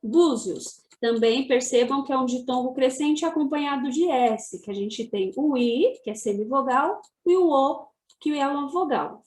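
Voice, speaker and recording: Woman, schoolteacher, high voice, cheerful explainer, echoey room. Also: moderate pace, few pauses, a little mellow. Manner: cheerful, explains step by step with examples. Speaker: primary school teacher. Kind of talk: recorded grammar lesson for children.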